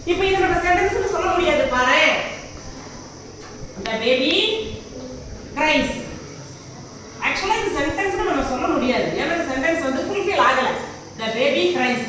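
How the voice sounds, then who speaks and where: High bright-voiced teacher in echoey room. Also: female voice, animated, measured pace, long pauses. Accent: Tamil. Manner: explains in Tamil mixed with English, asks frequent check questions. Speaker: English teacher. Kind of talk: classroom grammar lesson. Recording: very echoey room, voice far from mic, faint background noise.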